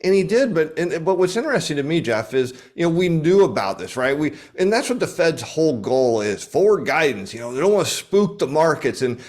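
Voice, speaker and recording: A man's voice: on the high side, big pitch swings, brisk, hardly any pauses, darkish tone. A man speaking as a guest on a casual financial podcast, easygoing and rambling, with frequent restarts.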